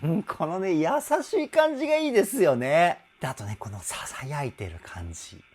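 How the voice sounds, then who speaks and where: A man's voice: a little high, sing-song, normal speed, a little mellow. A male vocal trainer giving an enthusiastic, explanatory song analysis and now and then singing short phrases to demonstrate.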